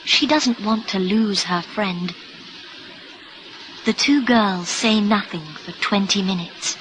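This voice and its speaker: Very slow British woman reading a story. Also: mid-range voice, noisy background. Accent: British English. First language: English. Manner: slow, clear, expressive storytelling. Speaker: audiobook reader. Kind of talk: graded reader narration for English learners.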